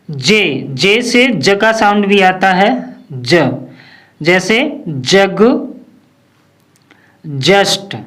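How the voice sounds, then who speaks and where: Very slow-paced phonics teacher. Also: medium pitch, a bit bright. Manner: slow, drilling questions and repeating each word. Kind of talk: phonics lesson.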